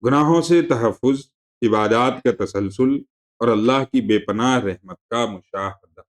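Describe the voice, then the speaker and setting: A man giving a religious lesson to a class, explaining terms in a conversational, digressive way and repeating himself to make points clear. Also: medium pitch, a little slow. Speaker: religious teacher.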